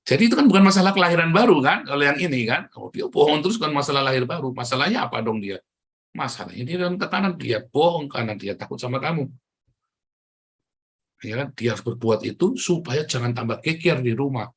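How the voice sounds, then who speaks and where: A male pastor giving a sermon in a conversational preaching manner, often speaking straight to the congregation and swinging between loud bursts and quiet asides. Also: mid-range voice, animated, fast talker, breathy edge.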